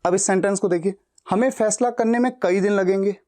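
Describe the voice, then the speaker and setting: A man's voice: sits high, a little fast, a little mellow. A man teaching a spoken English lesson who explains step by step and repeats example sentences.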